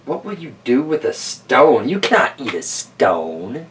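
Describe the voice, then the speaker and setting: A man's voice: mid-range voice, huge pitch swings, unhurried, a bit bright, distant mic, a little hiss or hum. A man voicing a guarded, incredulous little old lady from a storybook.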